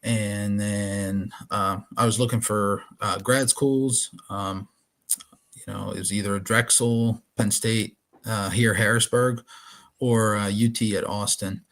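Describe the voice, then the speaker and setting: A man in his thirties from Lebanon, a guest answering interview questions in a measured way with many fillers. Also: on the low side, steady tone, fairly bright tone. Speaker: guest, township supervisor.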